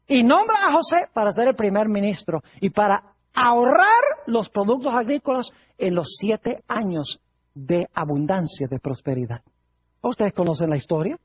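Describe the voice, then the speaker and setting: A preacher retells Bible stories to a congregation as a lively storyteller, acting out the quoted lines. His mid-range voice is slightly rough and moves at normal speed. The recording is dull and lo-fi.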